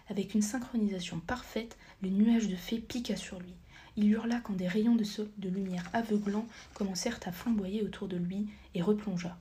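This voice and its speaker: A woman narrating a story as a whispered audiobook reading, soft and half-whispered, with occasional slips she corrects. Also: medium pitch, slight background noise.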